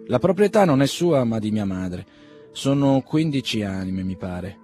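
A man's voice: mid-range voice, sing-song, unhurried, warm tone, soft background music. A man voicing a blunt, impatient young man who brushes off his father's apologies. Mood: brusque. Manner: curt, dismissive.

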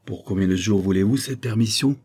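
A man's voice: lowish voice, brisk, a little mellow, husky. A man voicing a cold, rival army commander in an audiobook, curt and formal.

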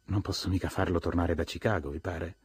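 A man's voice: low-pitched, steady tone, fairly quick, breathy edge, dry recording. A man voicing an indignant secretary woman who speaks curtly and scolds. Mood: hostile. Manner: curt, scolding.

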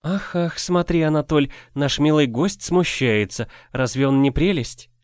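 A man's voice: on the high side, measured pace, darkish tone, smooth, no echo, studio quality, voice pushed up, lightly acted. A man voicing a purring coquettish young wife. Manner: purring, playful, affected. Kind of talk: audiobook character voicing.

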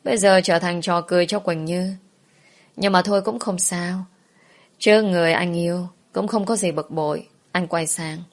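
A woman narrating a first-person romance story in a calm, steady reading voice. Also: on the low side, normal speed.

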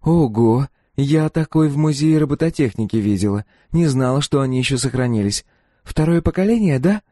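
A man voicing a young, self-reliant, sharp-tongued woman in an audiobook, pert and always questioning. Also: mid-range voice, lively intonation, dry recording, studio quality, pitched above the performer's own voice, natural voice. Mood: curious. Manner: pert, questioning, quick to retort. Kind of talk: audiobook character voice.

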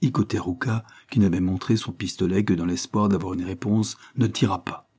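A man reading an adventure novel aloud as narrator in a measured, dramatic way. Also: low-pitched, fairly even intonation, darkish tone, husky. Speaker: audiobook narrator.

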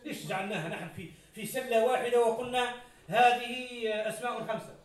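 A man's voice: very high-pitched, fairly even intonation, fairly quick. A man teaching a grammar class, explaining through many examples and questions to the students. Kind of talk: classroom lecture. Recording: roomy echo, from far off.

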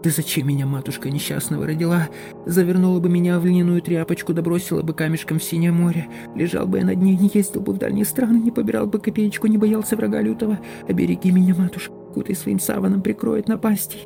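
A shrill, frightened young lad, as a man puts him on, his voice pitched far above a grown man's. He pleads and wails in a tearful lament, desperate and shaken, in an audiobook tale. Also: little pitch movement, quick pace, gravelly, mellow. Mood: wailing lament.

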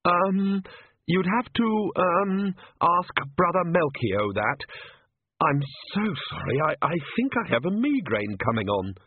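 A man's voice: high voice, very animated, slow pace, husky, no echo, pitched above the performer's own voice, exaggerated voice. A man voicing a nervous, apologetic young priest who stammers and hesitates. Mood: fretful. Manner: stammering, hesitant, full of ums. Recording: tinny phone-like line.

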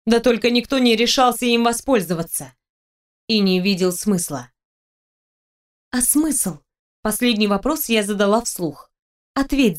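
Woman reading a first-person story aloud, lively in the dialogue, slightly high pitch. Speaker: first-person audiobook narrator. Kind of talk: expressive audiobook narration.

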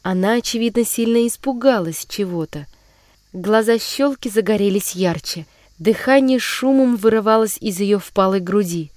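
A woman narrating a children's story in a measured, expressive reading voice. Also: medium pitch, dry recording, clean studio sound.

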